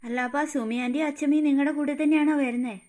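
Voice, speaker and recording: A woman's voice: sits high, fairly even intonation, very fast, darkish tone, lightly acted. Woman voicing an affectionate teen friend in a cartoon. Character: affectionate teenage girl friend.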